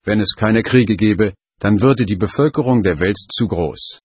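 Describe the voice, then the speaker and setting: A man voicing an old, wise lama mentor who speaks calmly and gravely. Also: fairly low pitch, dry recording, studio quality. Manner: calm, slow, grave.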